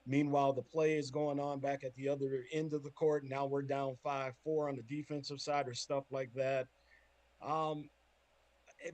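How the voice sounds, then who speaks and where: A man's voice: mid-range voice, a little mellow, no room sound. A man guesting on a sports podcast, chatting casually and giving earnest advice, often repeating his words as he rambles.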